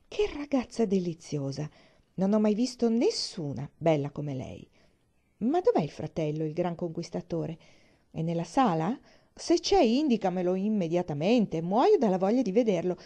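Woman reading a flighty, gushing young lady for an audiobook, lively swoops, mellow tone. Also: medium pitch.

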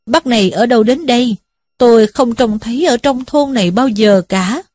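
A woman's voice: fairly high pitch, normal speed, darkish tone, dry recording, studio quality, lightly acted. A woman voicing a shrewd middle-aged village headman who scolds in a commanding way. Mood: calm.

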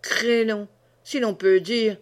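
Brief: woman reader as a drunk, blustering old peasant man, hiccuping, slow and a bit low, storybook reading. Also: fairly even intonation. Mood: boastful.

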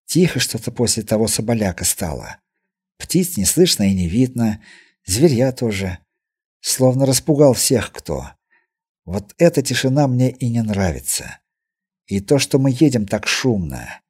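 Wary male caravan guard, low hushed voice, grim, dark husky tone, audiobook, read by a man. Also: sing-song, measured pace. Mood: uneasy, hushed.

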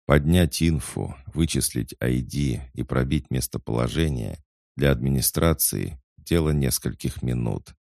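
A man narrating an audiobook in a steady, scripted reading. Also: very deep voice, measured pace, vocal fry, dry recording, clean studio sound.

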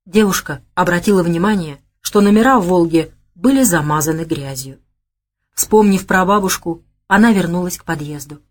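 A woman's voice: fairly low pitch, animated, normal speed. Woman narrating an audiobook thriller. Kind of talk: scripted narration.

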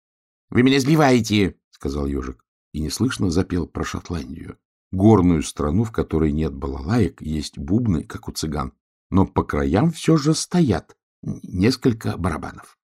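A man reading a children's storybook tale aloud, with expressive, animated storytelling. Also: rumbling low, normal speed, vocal fry, breathy edge. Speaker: narrator.

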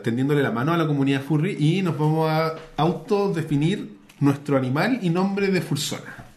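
Man, Chilean accent, host, joking, swears a lot, somewhat high voice, echoey room. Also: moderate pace, darkish tone. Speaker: podcast host. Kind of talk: casual chat. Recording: roomy echo.

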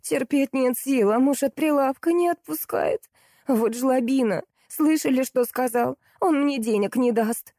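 A woman voicing a tearful young market saleswoman who whines and snaps in a shrill voice. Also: brisk, dark tone, no room sound, studio quality, close to an everyday voice. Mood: whining. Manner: shrill, whining and snappish.

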